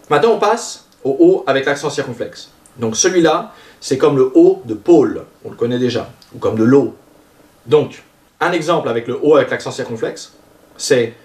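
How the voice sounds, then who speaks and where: A man teaching a language lesson, explaining vowel sounds and drawing out example words slowly. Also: mid-range voice, darkish tone, far from the mic. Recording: roomy sound, voice a bit off-mic.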